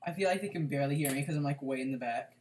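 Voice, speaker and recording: A young man in a casual chat with friends, excitable and protesting, quick to laugh. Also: mid-range voice, crowd noise. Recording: voice away from the mic, busy background.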